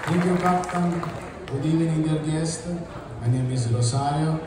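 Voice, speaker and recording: A man's voice: a little high, moderate pace. Italian-accented man in an echoey hall. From Sicily, Italy. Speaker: chief engineer. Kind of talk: short toast speech. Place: large ship atrium, indoors. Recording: echoey hall, noisy crowd behind.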